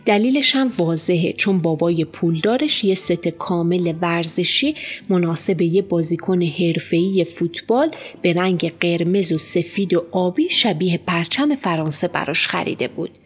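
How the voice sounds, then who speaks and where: Low-voiced woman reading a storybook. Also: breathy edge. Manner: lively, expressive storytelling. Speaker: audiobook narrator. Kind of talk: storybook narration as a boy narrator. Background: faint music.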